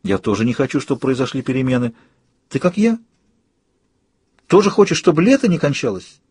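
A man reading an audiobook, voicing a gentle young woman softly coaxing a patient to wake. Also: mid-range voice, very animated, fairly quick, husky. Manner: soft, coaxing, encouraging.

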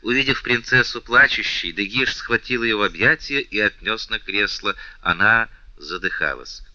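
A man narrating a novel as an audiobook reader, in an even, measured way, on a dull, dry recording. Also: on the low side, no room sound.

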